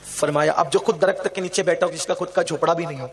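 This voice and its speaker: A man's voice: on the high side, steady tone. A man preaching a devotional sermon, telling stories with passion and asking the audience rhetorical questions.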